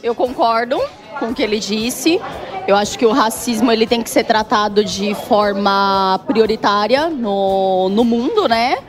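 A woman's voice: fairly high pitch, music in the background. Hesitant woman answering a street interview. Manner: slow, hesitant. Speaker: passer-by interviewee. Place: outdoors at a lunch spot.

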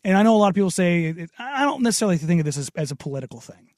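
A man with an American accent and a raspy, hoarse smoker's voice, chatting casually and bluntly as a sports radio host. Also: high-pitched, sing-song, racing, a little mellow, dry recording, studio quality. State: hoarse from long covid. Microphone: close studio radio microphone.

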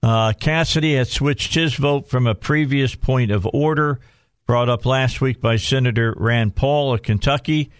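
A man's voice: medium pitch, a little slow, clean tone, dry recording. Male talk radio host, close and dry.

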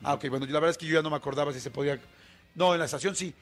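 A man's voice: fairly high pitch, very fast. Chatty Mexican radio host man. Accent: Mexican Spanish. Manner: chatty, vivid anecdote-telling with many fillers. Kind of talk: casual on-air storytelling.

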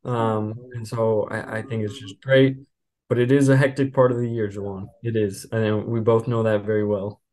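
A man hosting a sports podcast as beat reporter, talking in a relaxed, rambling way with many fillers and restarts. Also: lowish voice, moderate pace. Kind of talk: casual sports podcast chat.

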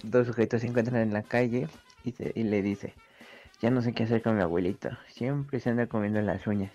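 Brief: male caller with a mellow, low voice, halting delivery, faint music behind. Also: steady tone, dull audio. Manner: plain, halting joke telling. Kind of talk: telling a joke on a radio call-in.

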